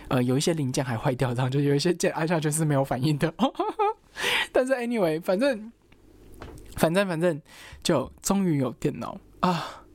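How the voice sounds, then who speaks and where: In a dry recording, a young adult student with a medium-pitched, slightly mellow voice speaks fairly quickly while casually sharing a personal story. The manner is chatty, quoting others and stringing ideas together with frequent fillers like "然后" and "anyway."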